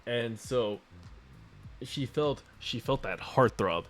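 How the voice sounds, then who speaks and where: A man's voice: medium pitch, expressive, slow pace, soft background music. A man streaming a video game, telling a long story in a casual, profane, rambling way and laughing often. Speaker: gaming streamer.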